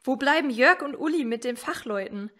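A woman's voice: sits high, lively intonation, normal speed, a bit bright. Woman reading an impatient commanding father.

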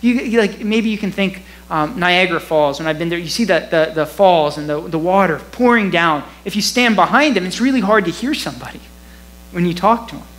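High-voiced, lively pastor preaching. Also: male voice, brisk, rough recording. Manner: conversational, animated, laughs often. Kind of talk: sermon. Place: church.

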